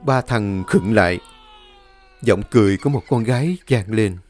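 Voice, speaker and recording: A man narrating a ghost story in a lively, plain-spoken way. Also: on the low side, normal speed, faint music behind.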